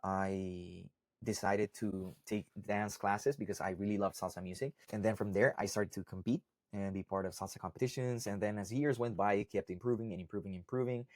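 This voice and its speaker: A man's voice: fairly low pitch, fairly even intonation, fairly quick, darkish tone, no room sound, clean studio sound. A young man from Costa Rica, a salsa instructor, talking casually to camera and often checking in with "right?" and "okay?". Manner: conversational, often ends points with "right?" and "okay?". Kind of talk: casual explainer talk to camera.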